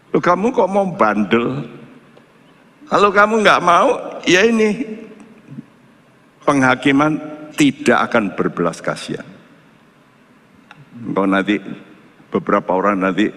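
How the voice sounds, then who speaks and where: A male pastor preaching a sermon, firing rhetorical questions and swinging between loud and hushed. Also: on the high side. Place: church. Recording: echoey church hall.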